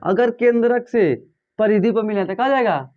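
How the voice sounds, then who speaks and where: High-voiced man teaching math in class. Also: normal speed. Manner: asks students questions and repeats answers. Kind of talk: classroom lesson. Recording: dull lo-fi sound.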